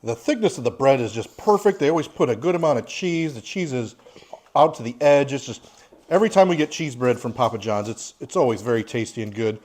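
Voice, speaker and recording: Regular-sounding guy in his 40s doing a laid-back food review, opinionated but easygoing, mid pitch. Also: lively intonation, fairly quick, a little mellow. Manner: easygoing, plain-spoken, opinionated.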